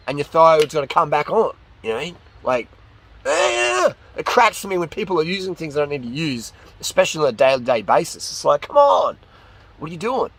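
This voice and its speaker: A man giving a casual, opinionated monologue as a fitness vlogger, talking in an excitable, slangy, ranting way. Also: a little high.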